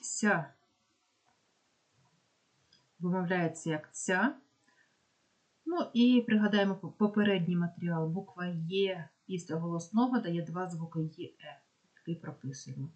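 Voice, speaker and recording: A woman teacher with a Ukrainian accent and a lowish voice explains sound rules step by step. She slows down on each example word and says it carefully. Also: darkish tone. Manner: slow, careful dictation of examples. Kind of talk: explaining phonetics lesson.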